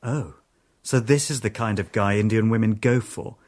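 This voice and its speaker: An actor playing a bitter, jilted hostage-taker in a radio drama, taunting and self-pitying. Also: male voice, fairly low pitch, normal speed, a little mellow, natural voice. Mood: angry, taunting. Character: volatile, bitter jilted man holding hostages, menacing and pleading.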